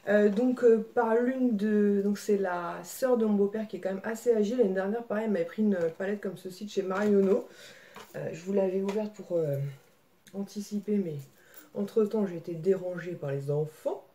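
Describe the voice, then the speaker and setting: A woman's voice: mid-range voice, normal speed, mellow. Chatty woman vlogger. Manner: chatty, many fillers, coughs and throat clearing. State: slight throat irritation. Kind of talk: casual haul vlog. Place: home.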